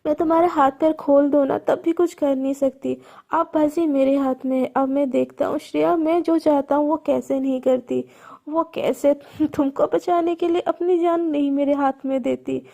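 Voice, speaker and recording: A woman's voice: high-pitched, fairly even intonation, normal speed, creaky, mellow. A woman voicing a scheming middle-aged father who taunts and mocks his captives. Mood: gloating. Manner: taunting, mocking.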